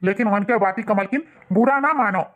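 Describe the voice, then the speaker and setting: A woman's voice: medium pitch, moderate pace, narrow, tinny audio, close to an everyday voice. A woman voicing a young village husband in an Awadhi cartoon, placating and lecturing his wife in rustic dialect. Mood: explaining. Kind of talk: cartoon dialect comedy acting.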